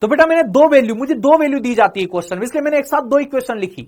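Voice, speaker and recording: A man's voice: extremely high pitch, rapid-fire, a little mellow. A male physics teacher giving an exam-prep lecture. He keeps calling students "beta", asks them questions and answers them himself, and repeats each phrase several times.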